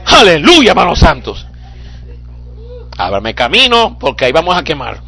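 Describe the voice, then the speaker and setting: A man preaching an impassioned sermon, shouting in bursts and then dropping low and quiet. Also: very animated, normal speed, gravelly. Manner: emotional, admits getting carried away.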